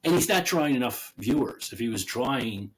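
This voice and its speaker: Speaking fairly fast at a medium pitch, this man is a guest author in a laid-back interview, his voice husky and a touch breathy. He chats freely, laughs readily, and frequently drops a thought partway through a sentence before starting again.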